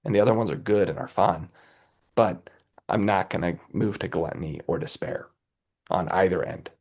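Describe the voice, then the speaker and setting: A man with a cold and a raspy voice, a company executive giving earnest, motivational answers as a guest in an interview, often checking in with "right?". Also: low-pitched, moderate pace, a little mellow. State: has a cold, under the weather.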